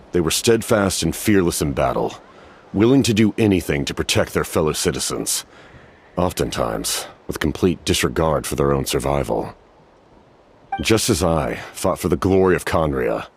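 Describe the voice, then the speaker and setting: A man voicing a stoic, solemn, centuries-old warrior captain in a game cutscene, speaking formally and gravely in measured phrases. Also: extremely low pitch, full character voice. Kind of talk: dramatic video game cutscene dialogue.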